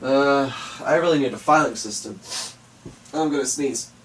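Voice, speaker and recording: A man with a mid-range voice talks at normal speed as he hosts a casual vlog. His rambling to viewers is muttered, distracted and mildly exasperated. The sound comes through a distant mic with faint background noise.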